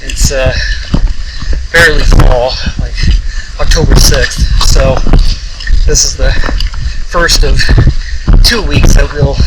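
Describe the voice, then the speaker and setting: Halting man vlogging outdoors, loud background noise. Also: mid-range voice, steady tone, recorded from a distance. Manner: halting, pausing between short phrases. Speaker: vlogger narrating a hike. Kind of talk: casual outdoor vlog talk. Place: outdoors on a mountain trail. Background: loud outdoor ambient noise.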